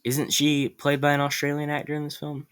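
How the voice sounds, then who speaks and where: A man vlogging about upcoming movies in a casual, excitable way, rambling and correcting himself as he goes. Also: fairly high pitch, fairly quick, clear, resonant tone.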